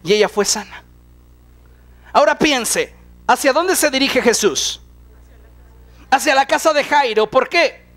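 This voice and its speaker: A pastor preaching with a very high-pitched voice. He tells Bible stories dramatically, slipping into the voices of the people in them. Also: fairly bright tone. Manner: dramatic storytelling, acting out characters' voices. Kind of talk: sermon.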